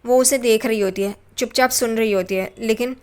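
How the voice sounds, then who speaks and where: Woman casually recapping a serial, fairly high voice. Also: a little fast, a little mellow, clear, resonant tone. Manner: retells scenes, voicing quoted lines with small pitch lifts. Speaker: narrator recapping a TV serial episode. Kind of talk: casual spoken recap narration.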